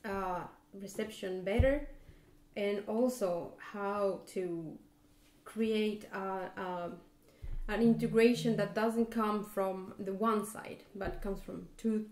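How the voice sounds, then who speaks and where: Ecuadorian-born communicator, slow and deliberate, echoey room. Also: female voice, mid-range voice, darkish tone. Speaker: communication worker. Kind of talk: interview.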